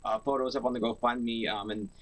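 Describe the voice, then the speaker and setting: A man's voice: medium pitch, flat delivery, a little fast, rough recording. A young man from Canada, telling a personal story in a casual interview, earnest, with many fillers and restarts. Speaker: guest.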